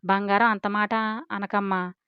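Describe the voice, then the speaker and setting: A woman's voice: mid-range voice, flat delivery, a little slow, clean tone, dry recording, lo-fi sound, natural voice. A woman voicing a caring older woman who soothes and fusses over a young woman she treats as a daughter. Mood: tender. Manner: tender, anxious, soothing. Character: caring older woman, doting motherly carer.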